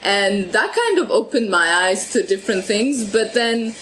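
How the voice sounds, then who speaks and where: A woman's voice: medium pitch, lively intonation, moderate pace, a bit bright, a little hiss or hum, low-quality recording. Chatty laughing woman from Ethiopia. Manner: chatty, laughs often, repeats words when starting sentences. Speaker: podcast guest, photographer. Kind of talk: casual interview chat.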